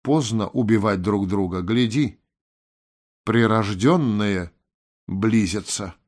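A man voicing a weary male water mage who speaks slowly and gravely. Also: fairly low pitch.

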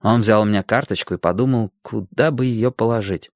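A man's voice: fairly low pitch, a little fast, dry recording, clean studio sound. A man narrating a story in the first person, reading expressively as an audiobook narrator. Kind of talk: scripted narration.

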